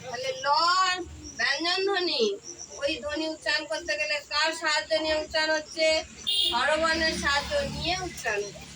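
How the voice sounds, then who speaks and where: A woman with a high-pitched voice leads a children's grammar class, asking question after question and echoing the answers. She sits well away from the mic. Crickets, insects and passing vehicles are clearly heard behind her. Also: a little fast. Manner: drills with repeated questions to pupils. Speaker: tuition teacher. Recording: distant mic with outdoor noise.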